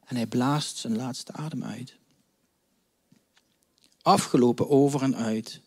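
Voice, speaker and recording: A man preaching a sermon to a congregation, dramatic, swinging between loud outbursts and hushed near-whispers. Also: mid-range voice, slow pace, breathy edge. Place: church before a congregation.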